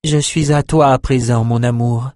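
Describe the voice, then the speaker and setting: A man voicing a ghostly empress who speaks slowly and coldly, in an audiobook. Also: mid-range voice, fairly even intonation, darkish tone, no echo, clean studio sound, voice pushed up, natural voice. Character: ghostly empress, woman, cold and resigned.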